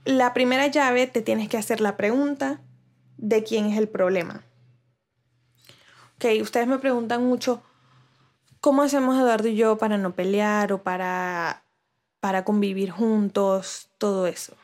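A woman's voice: medium pitch, steady tone, a little slow, long pauses, darkish tone. A woman vlogger talking casually to camera, giving relationship advice with rhetorical questions and frequent restarts. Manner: chatty, asks viewers rhetorical questions.

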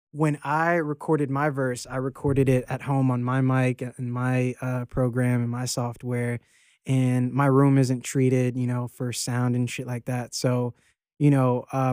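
A man's voice: medium pitch, a little mellow, clear, resonant tone, no room sound, studio quality. A man around thirty, from Baltimore, a rapper chatting loosely in an interview with lots of fillers and restarts. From Baltimore, Maryland. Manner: loose and rambling, many fillers and restarts, swears casually. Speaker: guest rapper. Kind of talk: casual interview chat.

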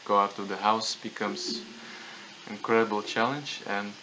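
A man's voice: fairly low pitch, flat delivery, measured pace. A young man with a Latvian accent speaks as a guest in a casual podcast discussion. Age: young adult. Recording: clear background noise, room ambience.

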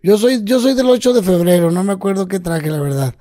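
A man's voice: high voice, animated, brisk, mellow, no echo, studio quality. A man with a Mexican accent, a comedian guest telling stories in crude, slangy casual chat. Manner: crude slangy storytelling, swearing.

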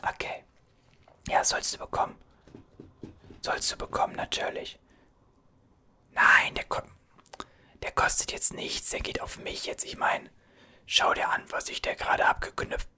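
A man's voice: a little slow, long pauses, pushed and bright. A man whispering as a chatty, soothing gas station cashier in an ASMR roleplay, reassuring and rambling.

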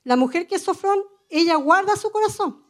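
A woman's voice: very high voice, lively intonation, a little fast. A woman with a Chilean accent preaching a sermon to other women. She is earnest and conversational, tells personal stories and keeps adding "amen". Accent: Chilean Spanish.

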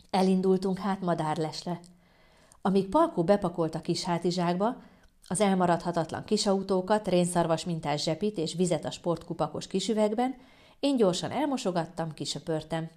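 Low, warm-voiced woman narrating. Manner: calm, even storytelling. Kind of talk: audiobook narration.

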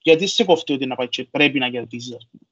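A man's voice: medium pitch, fairly bright tone, dull audio. A man from Cyprus with a Cypriot Greek accent, chatting casually and colloquially on a podcast. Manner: colloquial, repeats filler phrases.

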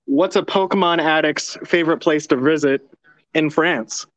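A man's voice: on the high side, moderate pace, a bit bright, no room sound, low-quality recording. A man co-hosting a podcast in laid-back casual chat, telling corny jokes. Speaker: podcast co-host.

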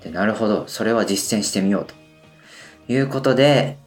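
A man in his twenties talks alone as if hosting his own radio show, rambling and hesitant, with constant fillers. His voice sits low, though he keeps straining to lift it higher than usual. Soft music plays faintly underneath. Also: fairly quick. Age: 20s. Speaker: band member hosting a solo radio talk. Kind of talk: casual solo radio monologue.

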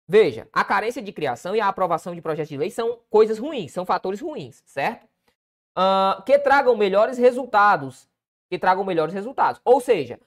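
A man's voice: high-pitched, fairly bright tone. A man with a Brazilian Portuguese accent, a writing teacher correcting a student essay aloud, who keeps checking in with the listener and pointing things out on the page.

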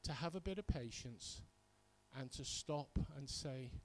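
The recording is rough, capturing a middle-aged British man preaching a sermon built around personal anecdotes. He has a medium-pitched, unhurried voice and a conversational storytelling manner, driving his points home through repetition.

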